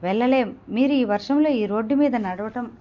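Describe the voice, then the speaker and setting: A woman voicing a calm, lightly amused male chauffeur in an audio novel, steadying a frightened passenger. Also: a little high, normal speed, highs cut off, natural voice.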